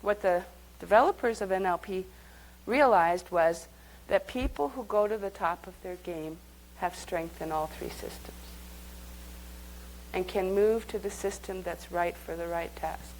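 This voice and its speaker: A woman's voice: fairly low pitch, unhurried, a little hiss or hum, poor audio. A woman leading a live workshop, speaking conversationally and guiding the group through exercises. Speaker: workshop teacher.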